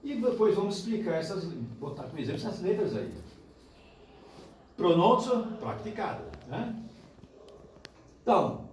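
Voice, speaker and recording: Lively Brazilian man teaching, echoey and distant. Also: sits high, slight background noise. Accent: Brazilian Portuguese. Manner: lively, exclaims and drills pronunciation slowly. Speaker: Esperanto teacher. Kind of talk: classroom demonstration lesson. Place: club meeting room with audience. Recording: echoey room from far off.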